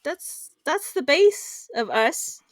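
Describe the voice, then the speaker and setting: A woman with a slightly high, bubbly voice chats casually as a podcast co-host and gasps when something excites her. Her voice sounds tinny, as if it comes through a tin can on a makeshift microphone. The sound is dry and close, with no room echo. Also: takes it slowly. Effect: tinny, like talking through a tin can. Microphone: makeshift backup microphone.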